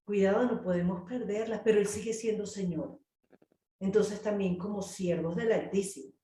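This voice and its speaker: A woman's voice: medium pitch, normal speed, echoey room, far from the mic. A woman leading a group Bible study, speaking animatedly and acting out prayers and quotes. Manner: animated, acts out prayers and quotes in changing voices.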